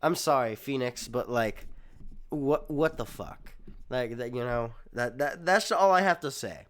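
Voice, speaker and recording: A man's voice: medium pitch, unhurried, slight background noise. A man streaming a video game, giving casual commentary with rambling, laughing asides and swearing. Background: game music.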